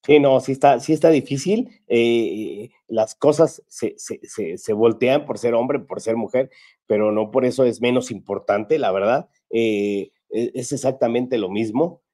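Brief: Mexican male host, mellow, rambling storyteller. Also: medium pitch, measured pace. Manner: storytelling, many restarts and fillers. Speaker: show host, paparazzo. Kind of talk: casual chat.

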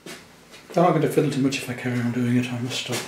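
Gentle man teaching watercolour. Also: mid-range voice, steady tone, quick pace, roomy sound, a little hiss or hum. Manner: gentle, chatty, thinking aloud while painting. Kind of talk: painting demonstration narration. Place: indoor studio at the easel.

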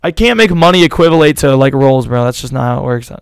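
A man's voice: mid-range voice, expressive, fast talker, gravelly, smooth, no room sound. A young man streaming live, rambling casually to his chat in slangy talk, his voice a little worn out.

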